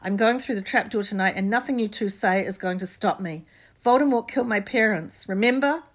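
A woman's voice: medium pitch, animated, moderate pace, slightly rough, voice pushed up. A woman voicing a determined young schoolboy who talks urgently and insistently. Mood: defiant.

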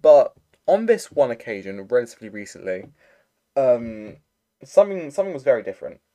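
A man's voice: medium pitch, big pitch swings, a little fast, mellow. A young man, telling a rambling story in casual chat over a voice call, full of fillers. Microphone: computer mic on a voice call.

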